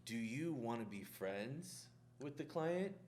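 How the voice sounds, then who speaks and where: A man's voice: medium pitch, lively intonation, slow, darkish tone, slight background noise. A man who is a contractor, co-hosting a podcast in casual chat, talking in a loose, rambling way. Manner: loose, rambling, full of "like" fillers.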